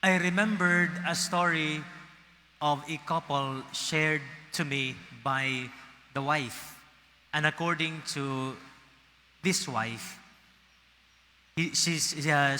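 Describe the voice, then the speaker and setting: A man with a Cebuano Filipino accent, a priest speaking at Mass in measured phrases, his voice echoing through a cathedral. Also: on the high side, sharp tone. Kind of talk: Gospel reading and homily. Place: large cathedral, indoors. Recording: long cathedral reverb over PA.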